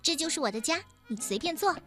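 A woman voicing a timid, cheerful country mouse, speaking in an eager, grateful, high voice. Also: lively intonation, fast, bright, forceful tone, soft background music. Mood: excited.

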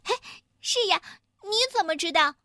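A woman voicing a vain, excitable young hen with a crooked comb, shrill and clucking. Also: a little slow, no room sound, clean studio sound, heavily acted. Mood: eager.

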